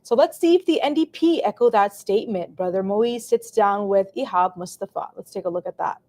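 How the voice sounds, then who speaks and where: A woman news presenter reads a short link between election segments. Her delivery is clear and brisk, in a mid-pitched voice. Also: lively intonation, warm tone.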